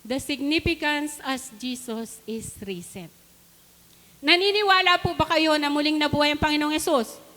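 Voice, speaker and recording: A woman's voice: high voice, normal speed, bright, forceful tone. A woman with a Filipino accent preaching a sermon, reading scripture aloud and asking the congregation questions. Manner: mixes Tagalog and English, reads scripture aloud, asks the congregation questions. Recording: long hall reverb.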